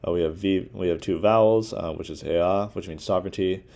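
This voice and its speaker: A man's voice: low voice, brisk, vocal fry, a little mellow. A young man giving a casual class presentation, talking informally with many fillers and restarts. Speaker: student presenter.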